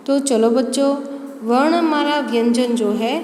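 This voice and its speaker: A woman teaching a primary-school class, explaining the alphabet slowly and spelling out letters one at a time. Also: high voice, darkish tone. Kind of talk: online class lecture. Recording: echoey room with long reverb, faint hum.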